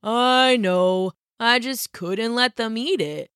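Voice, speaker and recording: A woman voicing a gentle, guilty male sea turtle in a storybook, speaking softly and hesitantly. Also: on the high side, slow pace, clean tone, no room sound, clean studio sound.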